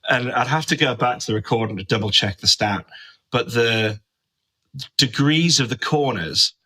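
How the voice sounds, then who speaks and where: A man's voice: mid-range voice, animated, moderate pace, sharp tone, husky, poor audio. A man as a podcast guest in casual interview chat, talking enthusiastically and gushing about products. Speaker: guest, brand creative officer.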